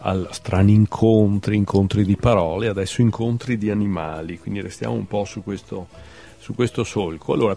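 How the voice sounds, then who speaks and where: A man with a gravelly, creaky voice reads whimsical love fables at a very slow, unhurried pace. His recital is playful and wry. Faint music sits behind him. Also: on the low side, mellow. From Veneto, Italy. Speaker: guest poet. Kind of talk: reading short rhyming love fables. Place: television studio.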